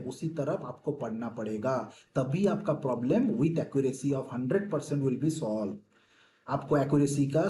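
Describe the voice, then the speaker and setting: A man's voice: fairly high pitch, warm tone, reverberant. A man teaching a reasoning lesson for bank exams, repeating key points and often checking that the viewer follows. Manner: repetitive, emphatic, checks understanding with "theek hai". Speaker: exam coaching teacher. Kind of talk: classroom-style lecture.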